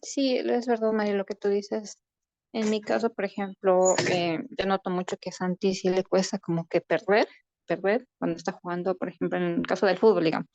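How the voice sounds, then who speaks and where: A woman's voice: mid-range voice, level tone, brisk, a little mellow, dull audio, slight background noise. A woman, a mother, speaking patiently on a video call in a parents' group, explaining with frequent fillers. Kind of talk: casual conversational talk.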